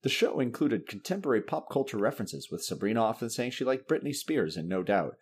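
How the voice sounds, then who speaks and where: A man hosting a podcast in casual chat, animated, laughing often and swearing freely. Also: mid-range voice, fast talker, slightly rough. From Massachusetts. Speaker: podcast host.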